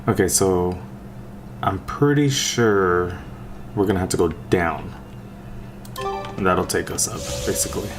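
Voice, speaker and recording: A man's voice: deep voice, unhurried, long pauses. A man giving laid-back commentary while playing a video game, thinking aloud. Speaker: gamer. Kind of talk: casual gameplay commentary. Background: game music.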